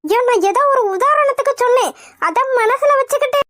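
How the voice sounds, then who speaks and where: A woman's voice: very high voice, expressive, brisk, a bit bright, no room sound. A woman voicing a young widowed doctor in a cartoon, speaking earnestly and defiantly. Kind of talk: cartoon voice acting.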